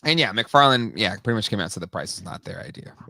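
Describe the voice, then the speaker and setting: A man's voice: on the low side, expressive, fast, gravelly, pushed and bright, no room sound, clean studio sound. A man hosting a casual talk show, rambling with lots of fillers and restarts. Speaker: podcast host. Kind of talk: casual chat.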